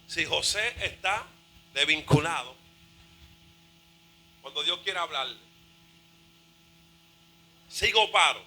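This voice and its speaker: Gravelly, high-voiced preaching man. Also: lively intonation, slow, pauses often, poor audio. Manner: fervent, shouting preaching with sung cadences. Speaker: pastor. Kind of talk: sermon.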